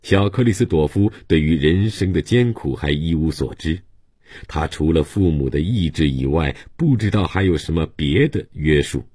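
A man reading a novel aloud in a calm, measured way. His voice sits very low and has a husky grain. The recording is dry and close, with no room sound. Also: no room sound. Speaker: audiobook narrator. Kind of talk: literary novel narration.

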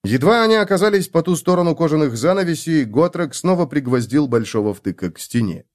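A man narrating an audiobook in a scripted, expressive reading. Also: fairly high pitch, fairly quick.

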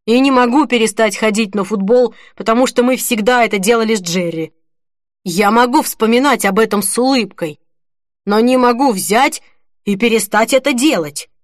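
A woman's voice: fairly high pitch, normal speed, no room sound, clean studio sound, close to an everyday voice. A woman reading the part of a grown man who earnestly and firmly consoles a grieving friend in an audiobook. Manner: earnest, persuasive, gently firm.

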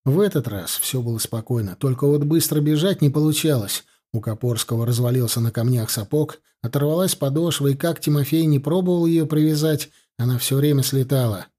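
A male audiobook narrator reading in a steady, measured manner. His voice sits in a middle pitch with a husky, slightly breathy texture. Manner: measured storytelling. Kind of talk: scripted narration.

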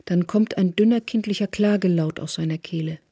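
Brief: husky radio drama narrator, measured and hushed, dry close sound. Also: mid-range voice, no room sound. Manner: measured, often hushed to a whisper.

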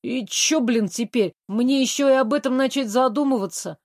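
A woman's voice: sits high, normal speed, a little mellow, no room sound, clean studio sound, pitched above the performer's own voice. A woman voicing a coarse, blunt young woman trapped in a princess's body, who swears and grumbles. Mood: snapping.

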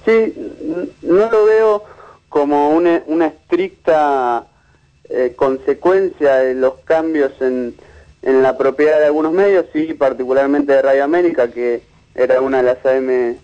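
A man, a media researcher giving a measured, analytical interview with frequent restarts. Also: fairly high pitch, muffled recording.

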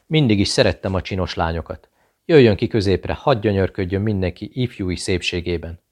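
A man voicing a cruel, mocking male SS officer who taunts and shouts in a raised voice. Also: low-pitched. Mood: taunting.

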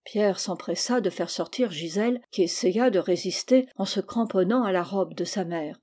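A woman narrating an audiobook in a measured, even pace. Her voice is warm and mellow. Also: mid-range voice, breathy edge. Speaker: reader.

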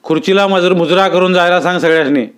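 Man playing a stern old landlord, gruff, loud, scolding, raised voice. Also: high-pitched, steady tone, fast, voice pushed up, lightly acted. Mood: commanding. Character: stern older village landlord, quick to anger.

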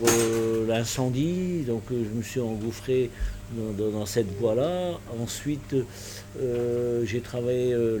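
A man's voice: medium pitch, background noise. A man in his sixties, born in Portugal with Portuguese as his first language, talking hesitantly and reflectively about his life in an interview. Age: 60s. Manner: reflective, hesitant, halting with restarts. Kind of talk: casual spoken recollection. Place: bar.

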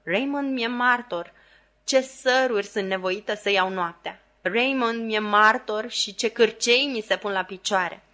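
A woman's voice: a little high, animated, fairly bright tone, voice pushed up. A woman reading an audiobook, voicing Camila, a fragile, self-pitying lady who sighs and drags out her complaints. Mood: plaintive. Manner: plaintive, sighing, drawn-out.

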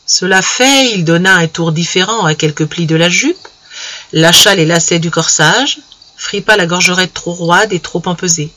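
A man reads a classic story aloud with measured, expressive storytelling. His voice is high and bright, carrying a clear, lifted tone. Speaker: audiobook reader. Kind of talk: scripted literary narration.

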